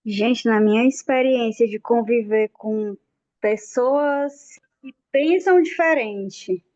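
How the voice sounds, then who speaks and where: A woman's voice: fairly high pitch, slow pace, darkish tone, dull audio. A woman in a casual group discussion, telling personal stories in a chatty, self-mocking way. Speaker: study group member.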